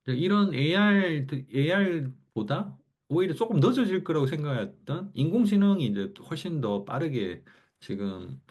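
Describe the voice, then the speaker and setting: A man from Korea's Gyeongsang region, speaking with a Gyeongsang accent, gives a casual online class lecture, thinking aloud loosely and conversationally with frequent fillers. His voice is a little high and darkish, with big pitch swings at a moderate pace.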